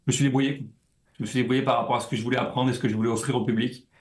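A young French comedian, appearing as a guest in a casual interview, speaks French with a slight Québécois lean. His mid-range voice stays level while he talks rapid-fire and animatedly, often repeating words as he thinks.

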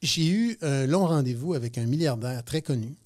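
Speaking at normal speed with lively intonation, a Quebec French-accented man in his fifties has a mid-range, darkish voice. As an entrepreneur guest on a radio interview, he shares casual stories, hesitating and repeating himself.

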